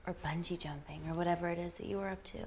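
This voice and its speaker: An actress playing a sharp, guarded woman field scientist with a terse, sarcastic manner in naturalistic drama. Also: on the low side, steady tone, very fast, gravelly, slight background noise. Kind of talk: naturalistic dramatic film-style acting.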